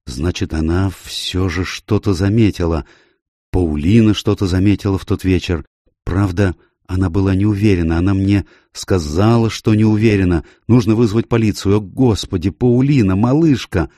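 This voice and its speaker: A man voicing a shaken, anxious gentleman who mutters and grows agitated. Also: deep voice, normal speed, no echo, clean studio sound, voice pushed up. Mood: distraught. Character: shaken middle-aged American man, anxious.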